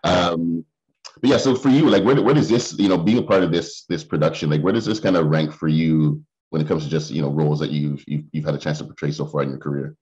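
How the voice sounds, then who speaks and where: A man's voice: a bass voice, fast talker, darkish tone. A man interviewing actors in a casual way, asking long questions with many restarts and fillers. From Barbadian family, raised in Canada. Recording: dull lo-fi sound.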